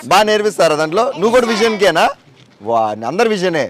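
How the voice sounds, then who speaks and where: A man, a politician touring a village outdoors, talking casually with villagers and children in a brisk, commanding, playful way. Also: sits high, heavy background noise.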